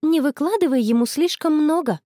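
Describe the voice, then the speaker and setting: A woman voicing an excitable, worried teenage schoolgirl in a storybook, talking high and fretful. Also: normal speed, no echo, clean studio sound. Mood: worried, eager.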